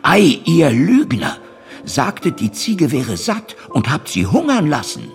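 A man voicing an old, hot-tempered tailor and father who scolds loudly. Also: medium pitch, big pitch swings, slow pace, voice pushed up. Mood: angry. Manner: loud scolding. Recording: music behind.

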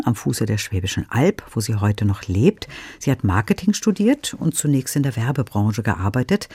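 A man hosting a radio book programme, introducing an author and asking questions in an animated way. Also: mid-range voice, breathy edge, no echo. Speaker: radio host.

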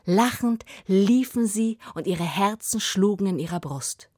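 A woman telling a fairy tale aloud, slow and expressive, sometimes dropping to a whisper. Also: mid-range voice, slightly rough, no echo, studio quality. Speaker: storyteller.

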